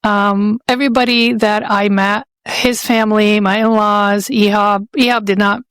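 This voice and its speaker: A woman's voice: mid-range voice, flat delivery, unhurried, a bit bright, smooth, dry recording. A woman in her fifties from Saudi Arabia hosting a podcast, talking in an earnest, reflective way and often restarting her phrases as she searches for words. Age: 50s. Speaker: podcast host.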